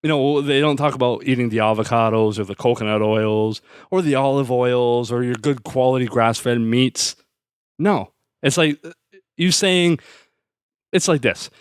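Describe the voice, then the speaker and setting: A man's voice: medium pitch, normal speed, clean tone, no room sound, clean studio sound. A man hosting a podcast, ranting in a fired-up, sarcastic way. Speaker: podcast host. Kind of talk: solo podcast rant.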